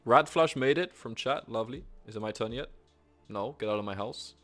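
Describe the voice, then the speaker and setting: A young man streaming himself playing a board game online, talking to himself with excitable, swearing commentary. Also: mid-range voice, a little fast, soft background music. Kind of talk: live gameplay commentary.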